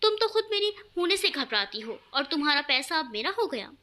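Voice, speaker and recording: Woman reading a hurt young bride in an audio story, sharp and reproachful, high bright voice. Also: sing-song, brisk, exaggerated voice.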